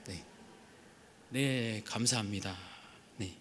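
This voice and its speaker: A man's voice: on the low side, slow, fairly bright tone, a little hiss or hum. A young adult male pastor with a Gyeongsang accent, preaching a sermon in an earnest way and acting out quotes with humor. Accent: Gyeongsang Korean. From Gyeongsang region, Korea. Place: church sanctuary. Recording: reverberant church sanctuary.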